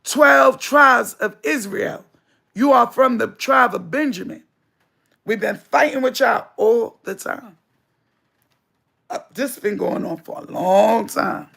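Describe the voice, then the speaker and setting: Lady on a spiritual livestream, gravelly voice, real slow, preachy and keeps repeating herself. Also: a little high, fairly bright tone. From United States. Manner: emphatic, preachy, repeats lines for stress. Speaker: livestream host.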